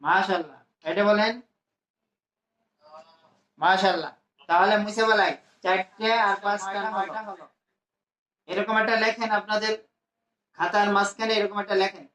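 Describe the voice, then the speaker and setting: A man from Bangladesh teaching a class to pronounce Arabic letters, slowly repeating each sound for his students. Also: sits high, steady tone, sharp tone. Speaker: Quran teacher. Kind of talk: classroom lesson. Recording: echoey room.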